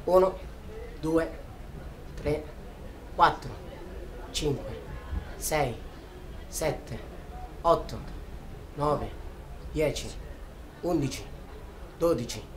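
An actor playing a young Sicilian man raging against the mafia, swinging from bitter quiet to shouting. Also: a little high, very slow, pauses often, slight background noise. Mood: bitter, sarcastic. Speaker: auditioning actor. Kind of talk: dramatic audition monologue.

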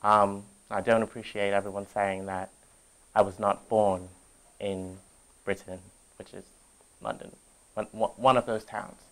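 A man's voice: on the low side, level tone, unhurried, pauses often, fairly bright tone, poor audio. Defensive rambling young man. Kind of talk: comic sketch monologue.

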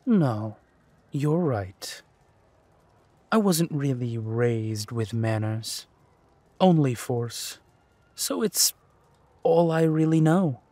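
Playing a possessive, ruthless duke of humble birth in an audio roleplay, this actor delivers deliberate, menacing lines. Here his male voice is expressive and mellow, the mood mocking yet composed, with no echo in the recording.

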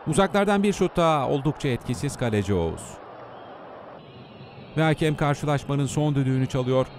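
A man giving football match highlights commentary as a voice-over, lifting his voice for shots and goals. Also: sing-song, brisk, background noise.

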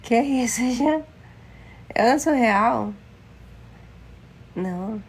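A woman from Manaus with a Brazilian accent, hosting a casual livestream and greeting viewers one by one by name, slipping into halting Spanish. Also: on the high side, expressive, a little mellow, breathy edge. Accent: Brazilian Portuguese. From Manaus, Amazonas, Brazil. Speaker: livestream host. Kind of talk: casual live chat with viewers.

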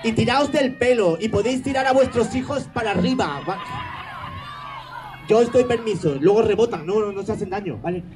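A man's voice: sits high, brisk, a little mellow, some chatter behind, low-quality recording. A man doing stage comedy, teasing the audience in a sarcastic, mock-grumpy way.

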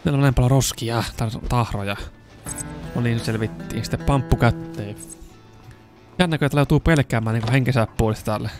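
A young man with a Finnish accent giving casual let's-play commentary, swearing and yelling whenever the game turns dangerous. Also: medium pitch, faint music behind. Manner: excitable, swears and yells when in danger. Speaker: gaming YouTuber.

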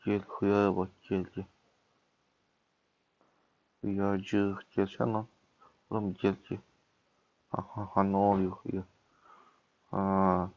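Sick gravelly-voiced man gaming. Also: low voice, slow, pauses often, highs cut off. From Turkey. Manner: excitable, swears at other players and calls them over. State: sick with a sore throat and cough. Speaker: gaming YouTuber. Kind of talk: casual gameplay commentary.

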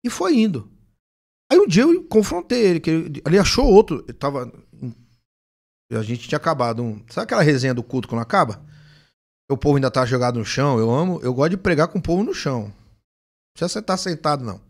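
A man tells a church story with lively, swooping intonation. His voice has a gravelly edge, and he acts out the lines of the other people in the story, all in a relaxed, conversational way. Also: fairly high pitch, fast talker. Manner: animated storytelling, acts out dialogue. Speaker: pastor. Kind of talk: casual testimony in a conversation.

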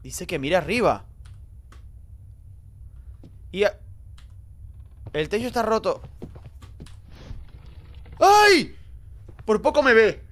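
An excitable man commentating a horror game live for his chat. His voice sits high and swings widely, from hushed nervous asides to panicked yelps. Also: slow pace, pauses often. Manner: excitable, jumpy, talks to chat. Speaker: streamer.

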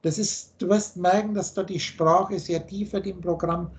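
A man's voice: sits high, steady tone, moderate pace. A man teaching in a video call, blunt and preachy, firing off rhetorical questions. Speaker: spiritual teacher.

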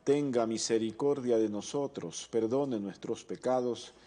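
A middle-aged man leads Mass prayers at an altar on a studio chapel set. He speaks slowly and solemnly. His tone is mellow and unhurried. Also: mid-range voice. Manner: slow, solemn recitation. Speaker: priest celebrating Mass. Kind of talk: liturgical prayer.

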